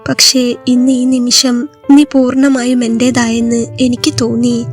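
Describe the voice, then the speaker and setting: Gentle, loving young husband in a storybook, read by a woman, soft-spoken, even and level delivery. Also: very high voice, measured pace, soft background music. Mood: tender. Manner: soft, affectionate speech.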